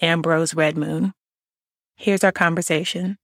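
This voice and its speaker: A fairly low-pitched woman acts as host of an interview podcast. She reads out a prepared introduction smoothly before moving into relaxed questions. Her voice sits close and dry, with no room sound. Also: a little slow, no room sound. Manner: reads the guest bio smoothly, then asks relaxed questions. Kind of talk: scripted introduction then interview.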